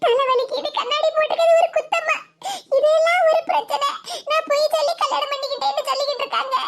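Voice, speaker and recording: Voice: very high-pitched, fairly even intonation, quick pace, a bit bright. A performer voicing a meek young daughter-in-law in a cartoon, pleading in a Tirunelveli Tamil accent with nervous laughs. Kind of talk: cartoon voice acting.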